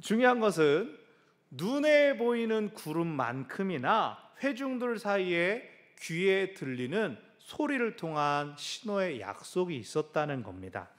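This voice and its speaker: A middle-aged male pastor delivers a sermon in church, his voice sitting a little high and swinging widely in pitch. He tells stories animatedly, even imitating sounds with his mouth, in an expressive preaching style. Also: measured pace. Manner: animated storytelling with sound effects.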